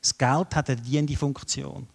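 A middle-aged man with a Swiss German accent, preaching a sermon with lively storytelling that swings between loud and soft. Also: mid-range voice, normal speed, creaky, breathy edge. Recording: long hall reverb.

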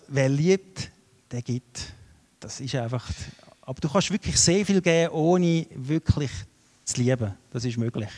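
A middle-aged man with a Swiss German accent, preaching a sermon with lively storytelling that swings between loud and soft. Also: medium pitch. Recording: long hall reverb.

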